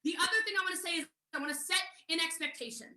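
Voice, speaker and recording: A high-voiced American woman leads a live online network marketing training from home. She talks fast, chatty and direct, and her bright voice carries a noticeable room echo. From United States.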